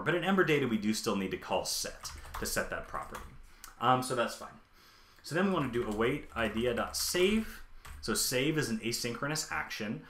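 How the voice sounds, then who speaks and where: A man in his thirties, voice on the low side and a bit bright, live codes on a stream from his home office, thinking aloud with lots of ums and answering chat questions. The room is echoey, with a slight hiss or hum.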